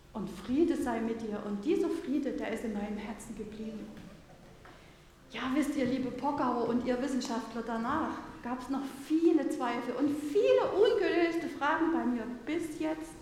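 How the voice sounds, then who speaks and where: A doubting apostle Thomas recounts his story, played by a woman in a lively first-person sermon, turning now and then to the people in the pews. The voice sits high and carries through a very echoey church hall with a long reverb. A faint hum of room noise lies underneath. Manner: lively storytelling, addresses the congregation directly. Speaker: preacher in a church service. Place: large church.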